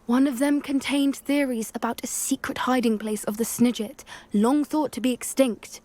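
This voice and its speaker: An actress with a fairly high, steady, everyday-sounding voice at normal speed plays an earnest young witch in a video game who cares about magical creatures. Her delivery is gentle and sincere, with faint music behind it in the game audio.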